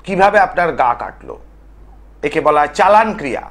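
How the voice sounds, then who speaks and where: Emphatic, high-pitched man preaching on TV. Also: sing-song, brisk, fairly bright tone. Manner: emphatic, rhythmic listing with rising declamatory stresses. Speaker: tantric astrologer hosting a live call-in TV show. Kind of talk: impassioned TV call-in monologue.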